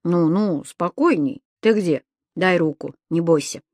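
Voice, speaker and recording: Calm old man, read by a woman. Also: lowish voice, measured pace, no echo, studio quality. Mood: reassuring. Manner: calm, soothing, a little lecturing. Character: kindly calm old man, gently reassuring.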